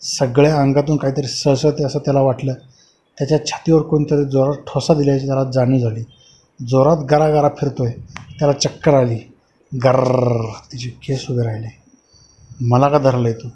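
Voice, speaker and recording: A man telling a horror story in a slow, dramatic storytelling manner, in a dull lo-fi recording with faint hiss. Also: mid-range voice, fairly even intonation, warm tone. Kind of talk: scripted horror narration.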